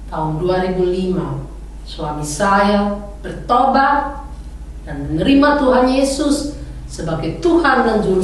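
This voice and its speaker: A woman in her forties from Indonesia preaches with earnest conviction, her testimony building into fervent, emphatic exhortation. Her voice sits at an ordinary pitch for a woman. It is caught from well back in a strongly echoing room, over a faint hiss. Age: 40s. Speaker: minister to Indonesian migrants. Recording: very echoey room, mic far off.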